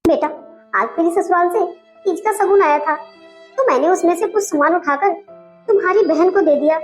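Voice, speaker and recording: A woman's voice: very high voice, moderate pace, faint music behind. A woman doing a bossy scheming mother-in-law. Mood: tearful. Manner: bossy, scolding, tearful complaining.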